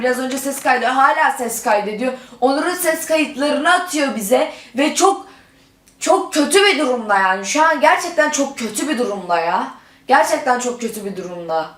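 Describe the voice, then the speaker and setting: Woman vlogger, high voice, indignant and dramatic, roomy echo on the mic. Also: animated, normal speed, a bit bright. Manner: indignant, dramatic, reads messages aloud. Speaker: YouTuber. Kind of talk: dramatic gaming vlog.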